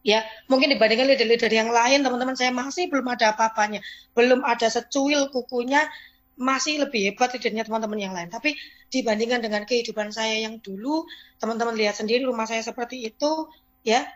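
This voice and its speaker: Woman giving a pep talk to fellow agents, kinda high voice, keeps talking straight to the crowd. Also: fairly even intonation, a little fast. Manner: chatty, addresses audience often. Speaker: insurance agent. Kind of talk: motivational testimony to colleagues.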